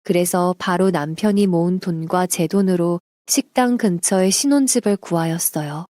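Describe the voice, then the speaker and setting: Mellow-voiced woman narrating a story. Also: on the low side, normal speed, no echo, clean studio sound. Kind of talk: scripted narration of a submitted life story.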